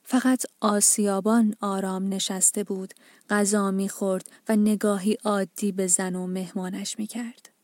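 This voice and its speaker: A woman narrating an audiobook, reading a novel in an even, measured, subdued way over soft music. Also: mid-range voice, no echo, studio quality.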